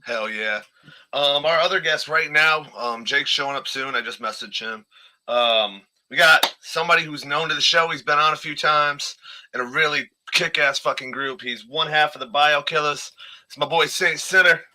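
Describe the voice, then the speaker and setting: Brief: young male podcast host, bright and forceful, casual and profane. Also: a little high, normal speed. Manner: loose, profane, laughing banter. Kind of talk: casual live podcast chat.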